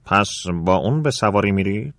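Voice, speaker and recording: A male narrator voicing an earnest adult suitor in a quiet but firm way. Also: fairly low pitch, no room sound, pitched above the performer's own voice.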